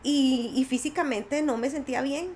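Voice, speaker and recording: A woman's voice: high voice, moderate pace, darkish tone, a little hiss or hum. A woman, a podcast guest and doctor, telling a personal story with feeling and acting out the voices of others. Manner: vivid retelling, acts out quoted voices.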